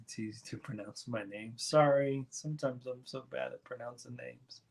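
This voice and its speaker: A man hosting a casual live stream, chatting in a relaxed, rambling way and reading viewers' comments aloud. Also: mid-range voice, normal speed, vocal fry.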